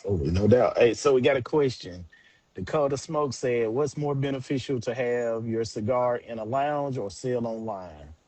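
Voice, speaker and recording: Male live-show host, warm dark tone, casual but emphatic and encouraging, dry recording. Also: medium pitch, normal speed, dry recording. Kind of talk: casual chat.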